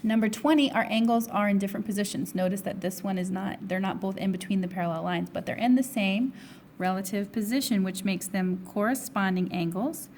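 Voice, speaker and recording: A woman teacher losing her voice, a little hoarse and coughing now and then, talks through geometry review problems one step at a time. She keeps putting questions to her students and answering them herself, at an ordinary pitch, with a faint hiss behind her. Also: fairly quick, a little mellow. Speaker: math teacher. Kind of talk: recorded test review lesson.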